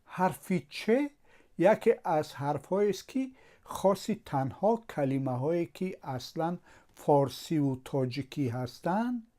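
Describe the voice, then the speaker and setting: A man teaches a slow spelling lesson. He sounds out letters one at a time, patient and methodical, building each syllable step by step and repeating the same patterns. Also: on the high side, animated, dark tone.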